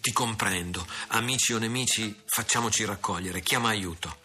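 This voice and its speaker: A man's voice: on the low side, moderate pace, bright, forceful tone. A man reading the part of a fierce adult pirate captain in an audiobook story, speaking in terse commands. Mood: resolute.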